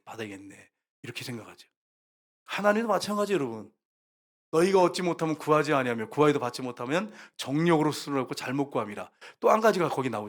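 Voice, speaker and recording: Lively Korean preacher, man. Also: on the high side. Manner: lively preaching, acting out quoted voices. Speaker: pastor. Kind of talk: sermon. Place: church sanctuary.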